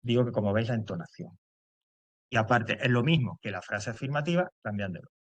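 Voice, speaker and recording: A man's voice: mid-range voice, expressive, fairly quick, a bit bright, no echo. A man teaching English grammar to a class, explaining step by step and checking in often.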